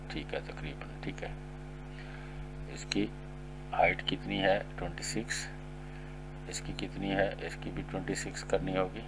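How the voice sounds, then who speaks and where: Middle-aged man, very low voice, step-by-step coding tutorial, steady polite explaining, faint hum behind. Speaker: tutorial instructor. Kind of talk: screen-recorded coding tutorial.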